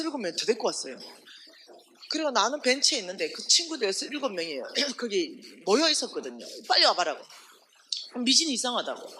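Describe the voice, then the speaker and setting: A woman preaches a testimony at a revival, her bright, forceful voice rising and falling widely as she acts out the story. She keeps asking her listeners rhetorical questions. Faint noise sits under the talk. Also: fairly high pitch. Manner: animated storytelling, acting out quoted voices; addresses the audience directly with rhetorical questions. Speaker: ministry staff speaker at a revival meeting. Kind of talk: testimony sermon to a congregation.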